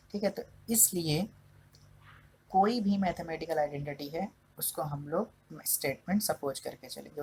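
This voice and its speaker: A man's voice: a little high, slight background noise, rough recording. Man explaining a math lesson step by step. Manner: steady explaining, keeps checking in with "okay". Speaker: math teacher. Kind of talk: whiteboard lesson.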